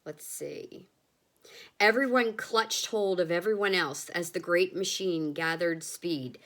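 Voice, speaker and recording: A woman teacher explaining similes and reading a children's story aloud, gentle and patient. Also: on the low side. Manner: gentle, explanatory, slow with pauses. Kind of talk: read-aloud lesson for children.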